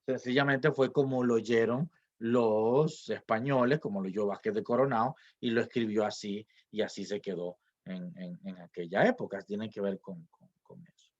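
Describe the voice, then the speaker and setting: A man's voice: on the low side, steady tone, moderate pace. Guy teaching a class online, lots of ums and restarts, kinda muffled lo-fi sound. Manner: hesitant, many fillers and restarts, asks rhetorical questions. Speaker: lecturer.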